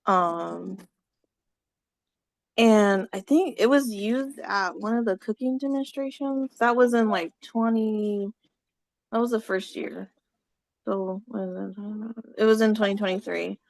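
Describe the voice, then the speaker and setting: Speaking slowly with vocal fry, a woman at a medium pitch co-hosts a relaxed online get-together. Over the video call she tends to ramble and grope for words, and the recording is dry.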